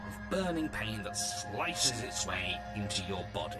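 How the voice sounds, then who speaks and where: A man voicing a grim, dry narrator in a video game, delivered in a measured, dramatic way. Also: fairly low pitch, sing-song. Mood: grave. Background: game music.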